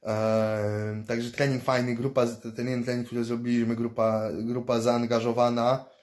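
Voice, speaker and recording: Speaking a little slowly in a slightly mellow, mid-range voice with little pitch movement, a Polish fighter and self-defense instructor in his thirties vlogs from a small room. He is recorded close up on a phone or laptop camera. His casual talk rambles, with repeated words whenever he restarts.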